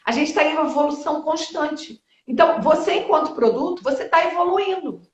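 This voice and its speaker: A woman in her fifties speaking as a guest in a live-stream interview, lively and blunt, with quick asides and the odd swear word. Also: high-pitched, roomy sound. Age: 50s. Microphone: video call.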